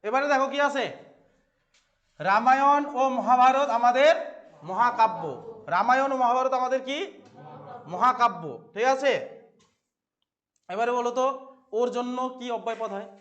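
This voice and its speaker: A man's voice: extremely high pitch, normal speed, long pauses, fairly bright tone, lo-fi sound. A male teacher with a Bengali accent, leading a classroom lesson and constantly asking and repeating questions to his students.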